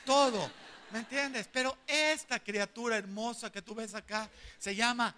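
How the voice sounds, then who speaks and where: A man with a Mexican accent, a pastor giving a sermon, telling lively, humorous stories and acting out the dialogue of the people in them. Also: extremely high pitch, measured pace, a little hiss or hum. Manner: animated, acts out dialogue of the people in his stories.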